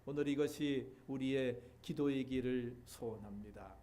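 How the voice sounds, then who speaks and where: A middle-aged man from Seoul, a pastor delivering a sermon in a measured way, pausing often with fillers. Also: mid-range voice, warm tone, slight background noise. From Seoul, South Korea. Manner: measured preaching with frequent filler pauses.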